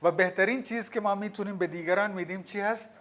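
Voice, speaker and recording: A man teaching a language class, explaining words slowly, repeating them and putting questions to the students. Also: sits high, fairly bright tone. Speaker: Sanskrit teacher.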